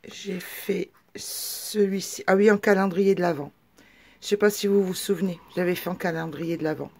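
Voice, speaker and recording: A woman's voice: lowish voice, fairly even intonation, fast, darkish tone. A woman vlogger presenting her books in a chatty, hesitant way, full of fillers and restarts. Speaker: craft vlogger. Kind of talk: casual show-and-tell video.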